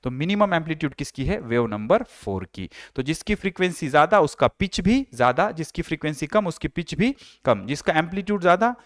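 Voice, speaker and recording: A man's voice: a little high, big pitch swings, fairly quick, few pauses, no room sound, clean studio sound. A male teacher giving a lecture, who repeats key phrases and asks and answers his own questions. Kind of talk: classroom lecture.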